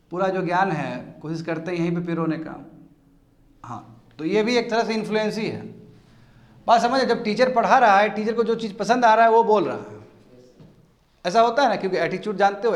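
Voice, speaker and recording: High-voiced man lecturing a class. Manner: animated, asks students rhetorical questions. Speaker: teacher. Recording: echoey classroom.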